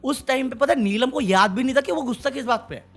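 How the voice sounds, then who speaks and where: High-voiced man ranting about a reality show. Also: fast, faint music behind. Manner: animated, mocking, switches to English phrases. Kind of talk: heated casual commentary.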